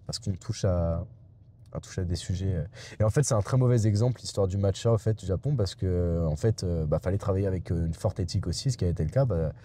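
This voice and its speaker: A man's voice: sits low, quick pace, mellow. A young adult man vlogging from inside a car, rambling and digressive, with many hesitations and restarts. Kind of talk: rambling casual monologue.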